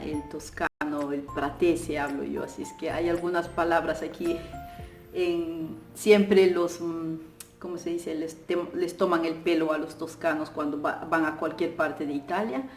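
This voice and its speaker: Low-voiced Peruvian woman vlogging. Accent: Peruvian Spanish. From Peru. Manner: chatty, many fillers and restarts, laughs often. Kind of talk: casual advice vlog. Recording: echoey room with faint music.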